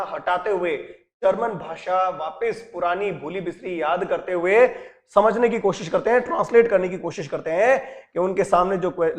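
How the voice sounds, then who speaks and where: A man teacher explaining an English story lesson, reading lines aloud and acting out the characters' speech in an animated way. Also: high voice. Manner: switches between reading English text and explaining.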